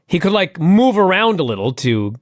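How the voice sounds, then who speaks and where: A man co-hosting a podcast in casual chat, wry and quick to laugh, swearing now and then. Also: high-pitched, sing-song, no room sound, clean studio sound. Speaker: podcast co-host. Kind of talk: casual wrestling recap chat.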